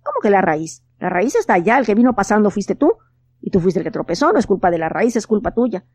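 A woman voicing a small mischievous male forest elf for a storybook, high and teasing. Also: sing-song, fast, a little mellow. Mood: scolding.

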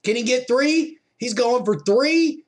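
A man with a notably high voice delivers wrestling commentary. His play-by-play moves at a slow pace, yet he is excitable and exclaims over the moves. The wording is informal, like a fan calling the match.

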